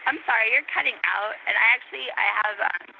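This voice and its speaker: A woman's voice: fairly high pitch, gravelly. Woman over the phone, tinny line, faint workplace noise, friendly. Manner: friendly, a bit rushed. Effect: heard over a phone line. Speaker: restaurant worker on the phone. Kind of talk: casual phone call. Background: noisy workplace.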